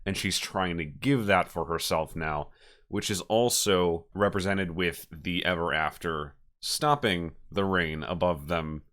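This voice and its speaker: A man with a low voice and fairly bright tone hosts a reaction video. His unscripted commentary is casual, halting and emotive, and he often repeats his phrases.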